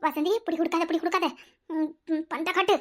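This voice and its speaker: Squeaky quarrelsome village housewife. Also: female voice, pushed and bright. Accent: Kanyakumari Tamil. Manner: scolding, rapid bickering. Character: sharp-tongued village housewife, quarrelsome and loud. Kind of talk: cartoon voice acting.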